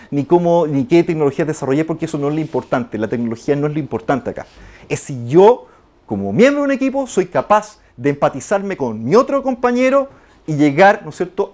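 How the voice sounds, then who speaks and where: Chilean man, conference speaker, slightly high voice, animated delivery, tag questions. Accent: Chilean Spanish. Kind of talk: lively conference talk.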